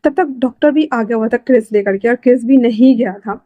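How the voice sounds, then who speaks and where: A woman's voice: on the high side, brisk, dark tone, dry recording, muffled recording. A woman narrating a fan fiction story in a casual, chatty way.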